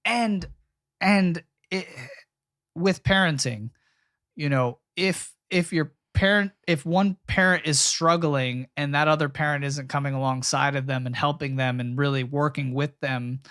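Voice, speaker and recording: Young male podcast co-host, lightly raised pitch, earnest advice, dry booth sound. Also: a little slow, fairly bright tone, dry recording. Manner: earnest, emphatic advice with laughs. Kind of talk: casual chat about marriage and parenting.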